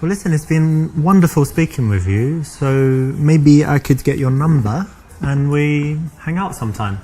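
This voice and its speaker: A man's voice: fairly high pitch, expressive, a little slow, warm tone. A man from England with a London accent, a dating coach chatting breezily and then explaining his approach, with plenty of "you know" fillers. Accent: London English. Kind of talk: demonstration chat with coaching asides to camera.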